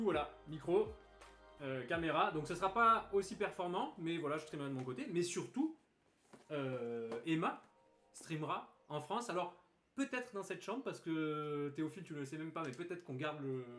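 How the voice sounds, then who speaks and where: A man co-hosting a live stream, chatting and explaining in a relaxed way, often laughing as he talks. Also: fairly high pitch, moderate pace, soft background music. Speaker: streamer co-host. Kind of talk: casual live stream chat. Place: bedroom studio. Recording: roomy bedroom echo.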